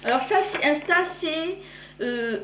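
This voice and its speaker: A woman with a high, lively-sounding voice speaks slowly as she casually presents her cross-stitch, meandering and often fixing sentences midway. She warmly calls viewers "girls." Slight background noise and a roomy echo color the audio.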